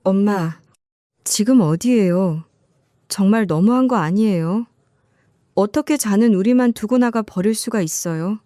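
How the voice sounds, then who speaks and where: A woman's voice: medium pitch, a little slow, warm tone, dry recording, studio quality, natural voice. A woman narrator voicing a selfish grown son who complains in a petulant, whining way. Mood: whiny angry.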